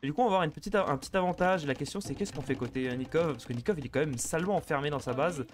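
Fast excitable esports caster. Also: male voice, fairly high pitch, a little hiss or hum. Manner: excitable, fast, chatty, banters with chat. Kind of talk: live game commentary.

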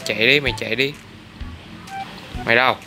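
A young man giving excitable, profanity-laced commentary while playing a video game and chatting to viewers. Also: mid-range voice, a little fast. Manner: excitable, swears a lot, talks to viewers. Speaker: gameplay YouTuber. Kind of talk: let's play commentary. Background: background music.

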